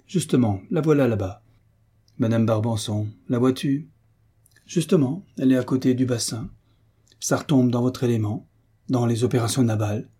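Audiobook part: cheerful, teasing young soldier, husky and dark in tone, voiced by a male reader. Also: mid-range voice, normal speed, natural voice. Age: young adult. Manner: lively, teasing, resolute.

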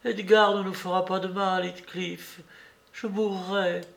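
A man's voice: high voice, level tone, measured pace, gravelly, fairly bright tone, voice pushed up, exaggerated voice. A man voicing an anguished young woman who pleads desperately and repeats herself, in an audiobook reading. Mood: desperate pleading.

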